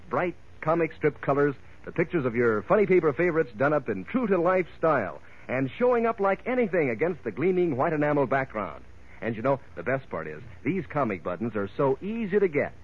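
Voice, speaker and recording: A man with an American accent doing a folksy, eager 1940s radio announcer's sales pitch to children. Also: breathy edge. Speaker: commercial announcer. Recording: tinny, phone-like vintage radio recording.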